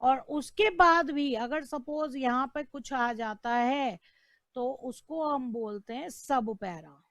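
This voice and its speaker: A woman's voice: high voice, slow pace, a bit bright, no echo, clean studio sound. An Indian woman teaching law in an online lecture, repeating terms, asking the class questions and answering them herself. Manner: checks in with "right?" and "clear?". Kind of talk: online exam-prep lecture.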